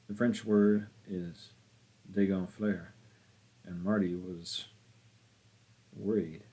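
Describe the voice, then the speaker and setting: A male audiobook narrator reading a classic novel in a measured, deliberate voice. His tone is deep and dark, with a husky grain. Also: poor audio. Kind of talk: scripted literary narration.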